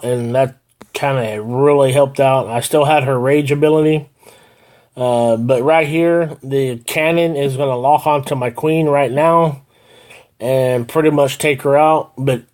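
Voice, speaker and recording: A man's voice: mid-range voice, darkish tone. Middle-aged man rambling over gameplay. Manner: rambling, explains step by step with many "uh"s. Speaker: gaming channel host. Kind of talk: casual gameplay commentary.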